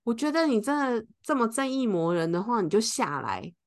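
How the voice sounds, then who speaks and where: A podcast co-host with a fairly high, fairly quick voice tells a story in casual chat. She's animated and acts out the quoted lines of the people in it.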